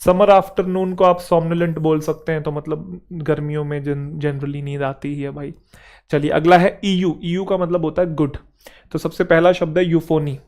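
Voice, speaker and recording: A young man teaching English vocabulary in a relaxed, conversational way, often checking in with his students. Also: a little high, normal speed. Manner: conversational, often adds "theek hai bhai". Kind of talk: vocabulary lesson.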